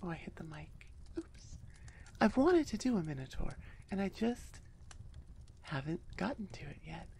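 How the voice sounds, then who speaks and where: A woman who makes audio roleplays chats casually with her listeners in an outro, up close on the mic, rambling in a wry, self-deprecating way. Her lowish voice is creaky and mellow, swinging widely in pitch at a normal speed, with slight background noise.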